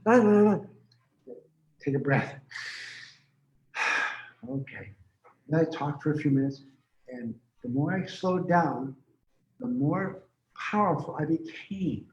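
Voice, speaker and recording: Being interviewed as a healer, a man in his 70s talks freely and wanders off topic in a casual way. His mid-range voice is slow, with frequent pauses, and the lo-fi recording sounds dull and echoey.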